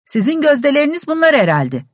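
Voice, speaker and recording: Brief: polite gentleman tenant in a storybook, played by a woman, animated, dry close sound. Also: high voice, fast talker, no echo, pitched above the performer's own voice. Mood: polite, indignant.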